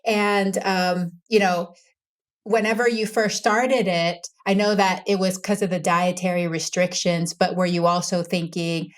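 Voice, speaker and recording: A woman's voice: on the low side, steady tone, unhurried. Female interview host, enthusiastic and supportive, casual conversation. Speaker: podcast host.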